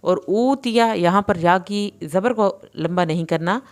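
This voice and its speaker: A woman with an Urdu accent teaching tajweed, alternating clear explanations with slow, drawn-out recitation. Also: fairly low pitch.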